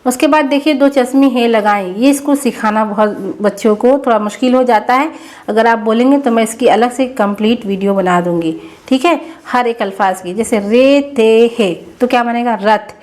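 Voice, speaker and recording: A woman teacher explaining children's practice worksheets to parents, slow and patient, drawing out and repeating each word. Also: on the high side, darkish tone.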